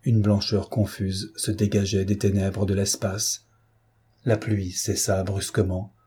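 A man reading a novel aloud as an audiobook, in measured, grave narration. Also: lowish voice, little pitch movement, warm tone, breathy edge. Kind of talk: scripted literary narration.

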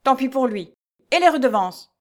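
A woman's voice: sits high, lively intonation, normal speed, pitched above the performer's own voice. A woman playing a blustering little steward. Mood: furious. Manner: loud, barking, peremptory. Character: short, blustering male steward, harsh. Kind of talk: storybook reading.

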